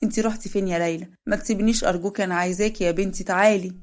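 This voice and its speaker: A woman's voice: mid-range voice, steady tone, rapid-fire, lightly acted. A woman voicing a grieving mother with an Egyptian accent, tearful and pleading. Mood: desperate.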